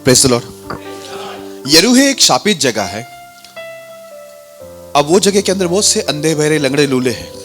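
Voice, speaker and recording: A man's voice: fairly high pitch, big pitch swings, a little slow, long pauses, a bit bright, faint music behind. A male pastor preaching a sermon with a touch, retelling a Bible story and acting out the crowd's scolding voices. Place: church hall.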